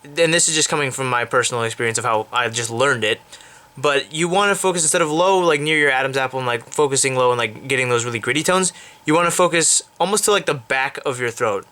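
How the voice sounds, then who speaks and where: A man's voice: medium pitch, fast, sharp tone. A man hosting an unscripted beatbox tutorial, explaining in a rambling, casual way full of fillers and restarts.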